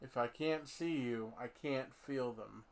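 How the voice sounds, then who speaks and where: A man's voice: medium pitch, slow. A man hosting a podcast, rambling through a casual comedic chat and laughing often. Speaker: podcast host.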